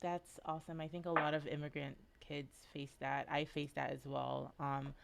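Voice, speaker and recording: Low-voiced woman hosting a podcast. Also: little pitch movement, moderate pace, creaky, noisy background. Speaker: podcast host. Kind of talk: casual interview talk.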